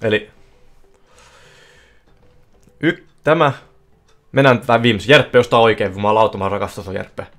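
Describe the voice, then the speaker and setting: A man streaming casino slot games live, giving excitable running commentary that bursts into yelling at big wins. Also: lowish voice, long pauses. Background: faint music playing.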